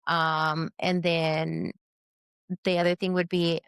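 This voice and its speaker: A woman who runs a post-op massage business, talking candidly in an interview, with fillers, restarts and quick shifts into voices when she quotes people. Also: level tone, smooth, dry recording. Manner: acts out quoted voices with sharp pitch jumps. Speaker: post-op massage therapist, guest. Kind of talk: casual interview conversation.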